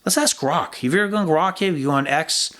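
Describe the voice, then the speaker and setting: A man's voice: a little high, normal speed, pushed and bright. Man, podcast host, casual sports talk, rambling, profane, lots of fillers. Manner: rambling, swears freely, frequent fillers and restarts. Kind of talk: casual sports-betting chat.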